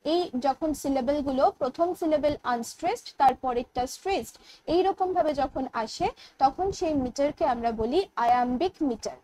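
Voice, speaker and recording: A woman with a Bengali accent teaching an English poetry lesson online, explaining in Bengali mixed with English terms and reading the poem's lines slowly. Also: high voice, warm tone, poor audio. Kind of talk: online exam-prep lecture.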